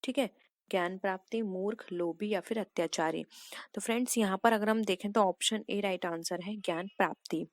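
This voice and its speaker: A woman's voice: medium pitch, normal speed, dry recording, studio quality. A woman teaching an exam prep lesson, walking step by step through multiple-choice answers and addressing viewers as friends.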